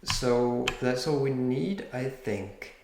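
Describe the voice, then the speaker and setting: A man's voice: medium pitch, takes it slowly, vocal fry. A man teaching programming, thinking aloud and correcting himself as he types code in a live tutorial. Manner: thinks aloud while typing, self-correcting. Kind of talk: live-coding tutorial narration. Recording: echoey room with loud keyboard noise. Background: keyboard typing and clicks.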